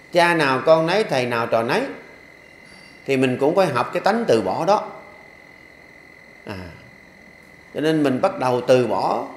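A man, a Buddhist monk, giving a dharma talk to lay followers in a folksy, repetitive way with humorous asides. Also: mid-range voice. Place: temple hall. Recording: echoey hall with faint ambience.

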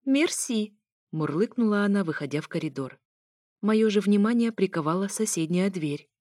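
A woman narrating a first-person audiobook with wry, lively storytelling. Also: mid-range voice, fairly quick, no room sound. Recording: dry close recording.

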